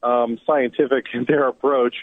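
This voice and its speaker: A man's voice: medium pitch, fairly even intonation, normal speed, no echo. A man calling in to a radio show over a Bluetooth phone line, asking a question hesitantly and repeating words as he searches for phrasing. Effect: caller heard over a Bluetooth phone line. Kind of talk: call-in question. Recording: tinny phone-line call audio.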